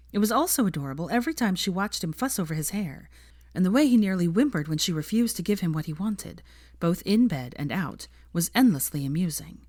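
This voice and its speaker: In a clean studio recording with no echo, a woman with a fairly low, slightly mellow voice reads fan fiction from a script, narrating the story audiobook-style.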